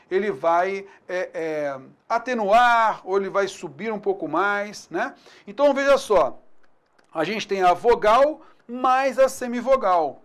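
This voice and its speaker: A man with a Brazilian accent teaching grammar in a recorded online lesson. He talks to the class in an upbeat, informal way and keeps checking in with slang. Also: sits high. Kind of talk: recorded online lesson, explaining over slides.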